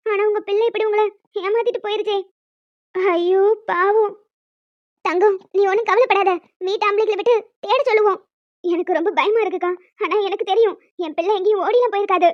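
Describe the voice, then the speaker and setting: Woman doing shrill, fast cartoon village women. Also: no room sound. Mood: dramatic. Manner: fast, dramatic, scolding and tearful. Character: village women and a young daughter, emotional. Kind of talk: cartoon voice acting. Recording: dull, dry lo-fi recording.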